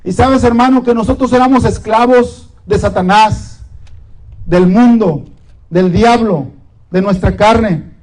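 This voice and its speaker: A male pastor preaching a sermon with dramatic pauses and repetition. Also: high-pitched, darkish tone, rough recording.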